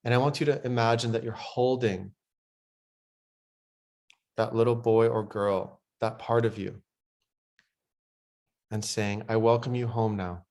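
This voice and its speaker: During a guided breathwork meditation, a man offers slow, calming instructions that become softer and quieter in the relaxation passages. He speaks at a medium pitch with fairly even intonation and a creaky texture.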